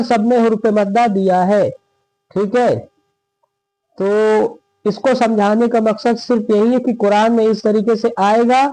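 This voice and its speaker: A man with a high but mellow voice teaches Quran reading step by step. He drags out each example word slowly and keeps asking if it is clear. The sound is dry and close, with no room echo. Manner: drawn-out demonstration of words, frequent checking "theek hai". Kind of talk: slow step-by-step recitation lesson.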